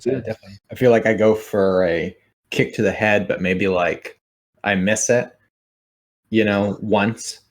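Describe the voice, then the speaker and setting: A man playing a tabletop game, thinking aloud as he describes his character. His voice is lowish, and he hesitates often. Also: steady tone, a little slow. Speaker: player.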